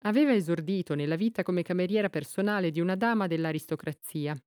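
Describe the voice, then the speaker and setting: Woman narrator, measured read, low and smooth, dry close sound. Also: darkish tone, dry recording. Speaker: audiobook narrator. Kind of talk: scripted narration of a mystery novel.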